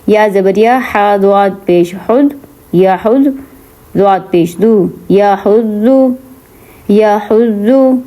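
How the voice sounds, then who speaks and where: A woman with a Pakistani Urdu accent teaches Quran reading. She draws out each syllable slowly and repeats it patiently, then explains in quick, easy asides. Her voice is mellow and warm, at an ordinary pitch for a woman. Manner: patient, repetitive, drawn-out spelling of syllables.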